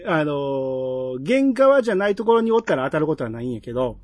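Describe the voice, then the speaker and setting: A man with a Kansai accent, co-hosting a casual podcast chat about a TV drama, telling scenes in a lively way. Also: a little high, a little fast. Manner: chatty, animated storytelling with acted-out quotes. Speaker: podcast co-host.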